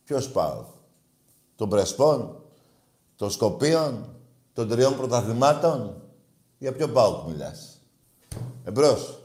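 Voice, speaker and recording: A man's voice: medium pitch, big pitch swings, long pauses, darkish tone, roomy sound. A man hosting a radio call-in show, teasing and mocking his callers in crude, casual banter.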